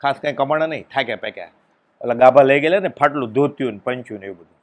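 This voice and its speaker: A man giving a devotional discourse, telling a story and acting out its dialogue with sudden loud exclamations. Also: mid-range voice, very fast. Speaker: spiritual discourse speaker.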